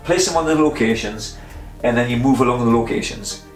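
A man's voice: medium pitch, a little fast. Man vlogger, rambling and chatty, roomy echo, faint guitar music behind. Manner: chatty, meandering, self-interrupting with fillers. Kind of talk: casual rambling talk to camera.

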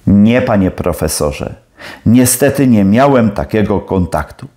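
A man playing a calm, firm young male student who answers politely and steadily. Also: on the low side, unhurried, echoey room.

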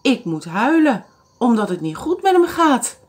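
A woman voicing an emotional old lady who loves her thornbush, speaking in a high, exclaiming voice in a storybook reading. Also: big pitch swings, unhurried, slightly rough, heavily acted. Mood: pleading.

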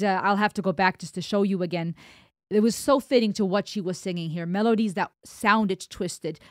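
In a small home studio, a thoughtful woman from Germany, German by first language, hosts an analytical song reaction, emphatic and using her hands to explain. Her medium-pitched voice is a little mellow, and the studio-quality sound has no echo, taken from a close broadcast mic on a boom arm while she wears headphones.

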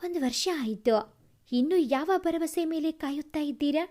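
A woman voicing a calm, concerned grown male colleague who questions gently. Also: high-pitched, normal speed.

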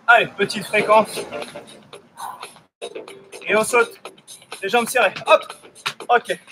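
A middle-aged man coaching a cardio workout with energetic, urging short commands while exerting himself. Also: sits high, takes it slowly, poor audio. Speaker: fitness coach leading a workout. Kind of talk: live home cardio workout instruction. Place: outdoors in front of a house. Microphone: camera a few metres away. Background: workout music.

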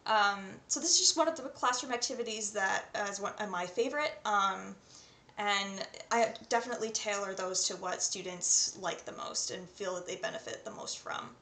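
In a small room at home, with roomy echo and faint background noise, a North American woman in her twenties introduces herself as an online English tutor and reads poems to camera. Her mid-range voice is bright and forceful at a moderate pace.

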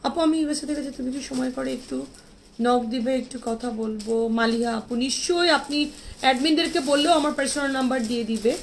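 Hosting a live-stream sale for her online boutique, this woman from Bangladesh chats away as she displays dresses, reading and replying to viewers' comments with English words mixed in. Her voice sits high, with a little hiss or hum in the recording.

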